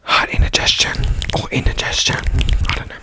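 A man in his twenties doing fast whispered ASMR up close to the microphone, often repeating words and phrases. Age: 20s. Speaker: ASMR video creator. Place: small bedroom, indoors. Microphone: desk microphone, very close to mouth.

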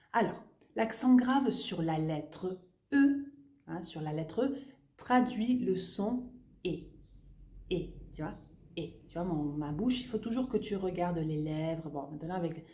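A woman teaching French in an online lesson, explaining patiently and clearly and moving between French and Spanish. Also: lowish voice, mellow, roomy sound. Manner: explains slowly and clearly, checking in with "hein" and "d'accord"; switches between French and Spanish for her students.

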